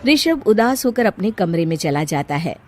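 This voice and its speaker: A woman's voice: on the low side, big pitch swings, normal speed, soft background music. A woman narrator reading a scripted moral story.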